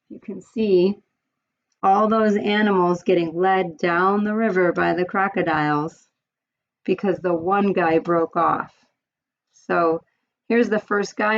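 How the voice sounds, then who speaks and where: A woman's voice: on the low side, creaky. A woman teacher reading a picture book aloud to students in a friendly, explaining way, with some fillers. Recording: dull lo-fi recording.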